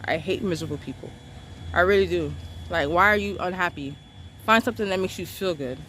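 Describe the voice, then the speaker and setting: A woman's voice: fairly low pitch, brisk, a bit bright, a little hiss or hum. A woman and mother of three retelling her arrest in an angry, blunt vlog vent, swearing freely and hammering her points with emphasis. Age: adult parent of three children. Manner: blunt, profane, emphatic and defiant. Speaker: vlogger recounting her arrest.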